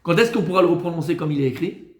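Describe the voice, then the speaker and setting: A man, a rabbi, teaching a class in lively style, often asking questions and answering them himself. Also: a little high, racing. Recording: echoey room.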